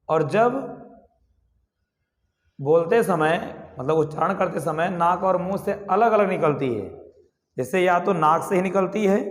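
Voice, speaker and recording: A male teacher explains grammar slowly, asking rhetorical questions and answering them himself. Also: high-pitched. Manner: slow, deliberate explaining. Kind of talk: classroom grammar lesson. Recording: echoey classroom with long reverb.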